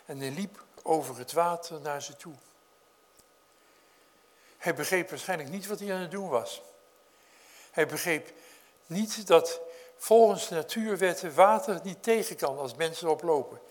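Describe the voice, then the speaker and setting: Male preacher, earnest, higher voice, loud in the story, quiet in reflection. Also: a little slow, pauses often. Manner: earnest, rises in pitch and volume when storytelling, drops low for reflection; addresses congregation directly with questions. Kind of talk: sermon.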